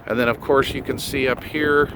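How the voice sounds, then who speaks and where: On a hillside road next to his vehicle, a middle-aged hobbyist vlogger talks casually and spontaneously for his vlog and on the radio. His voice is medium in pitch, steady in tone, and moderately paced, with a relaxed, folksy, slangy manner. The audio picks up wind and vehicle noise.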